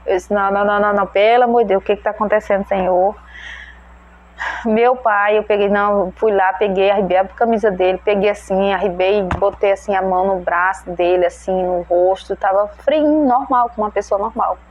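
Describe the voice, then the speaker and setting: A woman's voice: mid-range voice, steady tone, fairly quick, lo-fi sound. A mother retelling a personal religious testimony, emotional and prayerful, often voicing her own prayers aloud. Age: adult mother. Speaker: testimony speaker.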